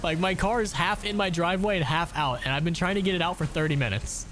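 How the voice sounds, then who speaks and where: A man's voice: sits high, fast talker, a bit bright, a little hiss or hum. A man in his late twenties from Ohio, chatting casually and profanely while gaming on a stream. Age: late 20s. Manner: rambling, profane storytelling.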